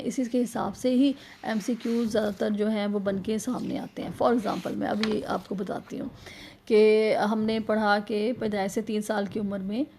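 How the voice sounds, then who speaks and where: A woman teacher talks students through a revision lesson in a gravelly, mellow voice. She speaks haltingly, stretching out fillers and correcting herself mid-word. She patiently repeats key points and backs them with examples. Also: a little high. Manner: halting, with many drawn-out fillers and self-corrections.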